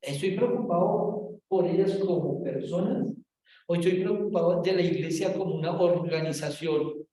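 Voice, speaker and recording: Earnest high-voiced man in an echoey room. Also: normal speed, mellow. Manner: earnest storytelling, acting out dialogue. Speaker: pastor and theology teacher. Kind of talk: personal testimony in a teaching talk. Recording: very echoey room, mic far off.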